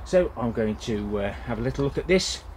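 Out on his allotment, around the greenhouse, a man vlogs in a plain-spoken, casual way, dropping plenty of "uh" fillers. He has a mid-range, darkish voice with lively intonation and a moderate pace, and there's a little background noise.

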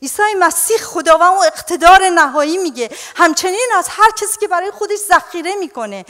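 High-voiced woman pastor preaching. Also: long reverb tail. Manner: animated, addresses listeners as dear ones. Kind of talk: sermon.

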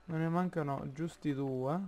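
An Italian man talks his way slowly through a building session in a block game, pausing and filling gaps as he thinks aloud. His voice sits a little high for a man, and faint music plays under him. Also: steady tone, a little mellow. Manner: slow, halting, thinks aloud with many fillers. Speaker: gaming YouTuber. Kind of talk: Minecraft let's play commentary.

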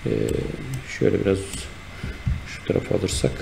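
A man teaching a software tutorial, talking in an unhurried, explanatory way with many fillers and self-corrections while he works at a computer. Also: noisy background. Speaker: instructor. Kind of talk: screen-recorded software tutorial.

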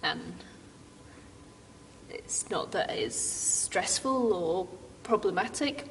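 A woman in her thirties from the United Kingdom, a dance artist answering interview questions thoughtfully, with many pauses and restarts. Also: fairly low pitch, animated, gravelly, big-room sound, slight background noise. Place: large dance studio, indoors.

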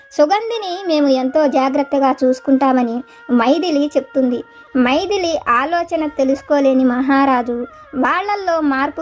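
High-voiced woman telling a folk tale. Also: a little hiss or hum. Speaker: storyteller. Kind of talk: scripted folk tale narration. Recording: dull lo-fi with faint music.

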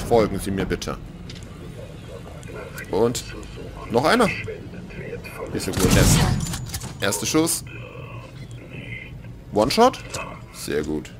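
A man commentating his horror game playthrough, joking and excitable, dropping to whispers when things get tense. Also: mid-range voice. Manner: excitable, jokey, drops to whispers in tense moments. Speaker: let's play commentator. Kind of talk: gaming commentary. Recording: gameplay music playing behind.

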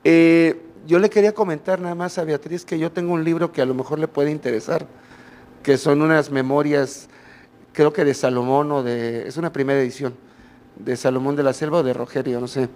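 A man's voice: fairly high pitch, steady tone, a little fast, darkish tone. A man from Mexico with a Mexican accent, commenting from the audience at a conference on a handheld mic, friendly and rambling with many fillers. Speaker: audience member. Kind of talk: question from the floor. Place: conference hall, indoors.

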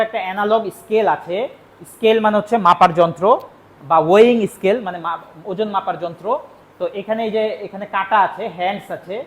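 A young man from Bangladesh teaching vocabulary in a classroom lesson, explaining patiently and repeating key words. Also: high-pitched. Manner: explains patiently, repeats words, asks and answers his own questions. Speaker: spoken English teacher.

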